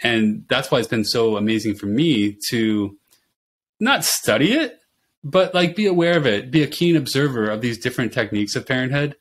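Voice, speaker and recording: A middle-aged man talks as a podcast guest, swapping parenting stories with an easy, animated energy. He laughs readily and his voice sits in an ordinary middle range. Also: medium pitch, moderate pace. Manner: animated storyteller who laughs often. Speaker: podcast guest, pediatric oncology nurse. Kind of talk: casual interview chat.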